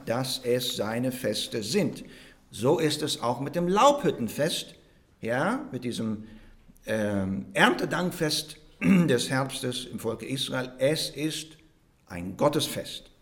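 A man's voice: medium pitch, fairly bright tone. A man preaching a sermon in German, emphatic and conversational, often checking in with the congregation with short asides. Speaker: pastor.

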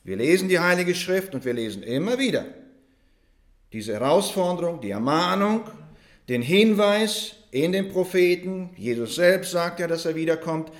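Lebhafter Prediger in halliger Kirche. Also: male voice, mid-range voice, roomy sound. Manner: animated storytelling, addresses the congregation as "ihr Lieben". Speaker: preacher. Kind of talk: sermon.

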